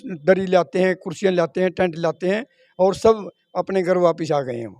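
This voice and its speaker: A man's voice: high voice, normal speed, darkish tone, no echo, clean studio sound. A man from Haryana, speaking as a party supporter in a street interview, emphatically stacking up points in repeated phrases. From Haryana, India.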